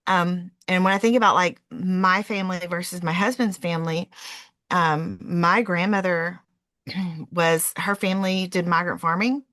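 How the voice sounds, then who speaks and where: A woman's voice: on the low side, steady tone, moderate pace, a bit bright, no room sound. Chatty woman guest, dry close sound. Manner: chatty, frequent "um" fillers, self-correcting. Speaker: real estate investor and guest. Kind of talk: casual interview answers.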